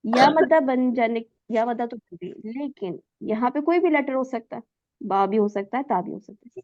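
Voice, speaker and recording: A woman leads a recitation class, her voice pitched a little high as she questions her students and sounds out each letter for them. The audio is dry and somewhat dull, like an online class recording. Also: animated, dry recording. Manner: asks students questions and praises answers; demonstrates letter sounds aloud. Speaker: Quran recitation teacher.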